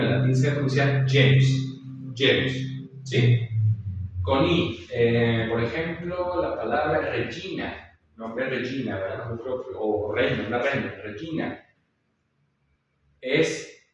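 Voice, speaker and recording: A man's voice: medium pitch, a little hiss or hum. A man teaching a course on Latin pronunciation, explaining patiently, repeating sounds and checking in with his listeners. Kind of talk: recorded course lecture. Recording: echoey room, voice far from the mic.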